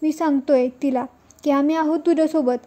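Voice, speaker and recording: An earnest young village man, protective of his sister, pressing his point in a high, level, mellow voice, as a woman reads his lines. He keeps urging and reassuring throughout. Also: fairly even intonation, brisk, close to an everyday voice. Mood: pleading.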